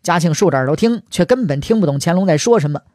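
Male storyteller, high pitched, folksy and talkative, dead-dry booth. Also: animated, quick pace, darkish tone, no room sound. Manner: chatty, asides to listener, heavy erhua. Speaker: history storyteller. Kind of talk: colloquial storytelling.

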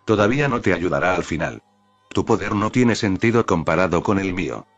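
Brief: a cold, arrogant villain, voiced by a man for a fan story reading, deep-voiced and lo-fi. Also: brisk, soft background music. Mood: cold arrogance. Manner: cold, calm and dismissive.

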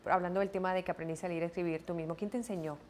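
A woman interviewer asking quick, probing questions. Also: fairly low pitch, fairly even intonation, darkish tone, a little hiss or hum.

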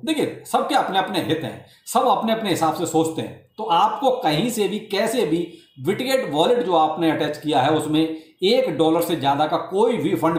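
A man giving casual, chatty crypto updates to his viewers, often calling them brother and repeating filler phrases. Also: high-pitched. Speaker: crypto YouTuber. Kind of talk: casual explainer talk to viewers. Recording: roomy echoey room sound.

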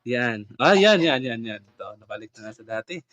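A man's voice: mid-range voice, expressive, brisk, fairly bright tone. A man vlogging casually and chattily, trying out a new condenser mic and sound card. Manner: chatty, giggly, trying out gear. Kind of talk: casual vlog chat. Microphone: condenser microphone.

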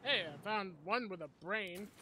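A woman streaming a video game with friends, excitable, laughing often and swearing casually. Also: medium pitch, moderate pace, slight background noise. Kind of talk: casual gameplay commentary.

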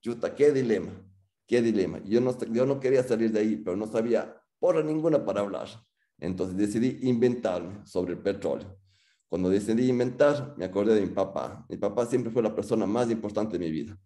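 A man's voice: on the low side, fairly quick, echoey room. A man, telling a humorous personal story and acting out the people he quotes. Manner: humorous, animated, acts out quotes.

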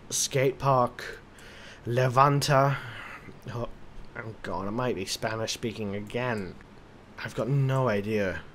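A man's voice: mid-range voice, a little hiss or hum. A drunk man giving casual, rambling commentary on a game, swearing and talking to himself. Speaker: gaming commentator.

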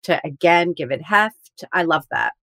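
A woman with a fairly low voice co-hosting a food podcast, chatting eagerly and laughing easily. Her sound is dry and close, with no room around it. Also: animated, measured pace, a bit bright, no room sound. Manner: enthusiastic, talkative, laughs often. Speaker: podcast co-host. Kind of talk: casual chat.

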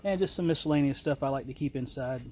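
A middle-aged man gives a plain, unhurried product review outdoors in his yard, talking to a handheld camera. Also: medium pitch, dark tone. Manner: plain, unhurried, folksy talk with fillers. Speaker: channel host reviewing a trailer tool box. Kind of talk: casual product review vlog. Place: outdoors in a yard beside a trailer.

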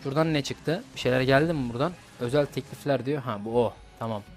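A young man talks through a mobile fighting game. He is casual and slangy, swears at his opponents and sounds like he is chatting with his viewers. His voice sits at a medium pitch, with soft game music underneath. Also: fast. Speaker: gaming YouTuber. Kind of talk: casual gameplay commentary.

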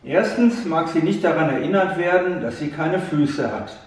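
A man gently telling a fairy tale to a child, speaking to the listener directly, heard from a distant mic in an echoey room. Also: on the high side, expressive, normal speed. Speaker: storyteller.

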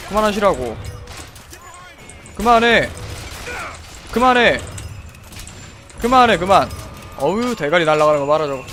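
A young male streamer with a high, lively voice that leaps all over the place, swearing freely and yelling at enemies as he plays. Faint game music runs under his commentary. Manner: swears often, shouts in reaction to the action. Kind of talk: live gameplay commentary.

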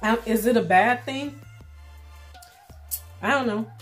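A middle-aged woman giving casual, plainspoken vlog commentary while eating, pausing for bites and repeating phrases for emphasis. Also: on the high side, soft background music. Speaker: vlogger. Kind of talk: casual mukbang commentary chat.

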